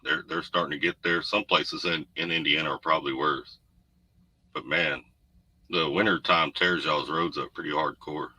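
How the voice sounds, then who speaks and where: The deep-voiced host of a casual trucker livestream chats from his home room, rambling easily through viewer comments. His normal-speed delivery has fairly even intonation and a sharp tone with a breathy edge, and the desk USB condenser mic produces a low-quality recording with no room sound but background noise.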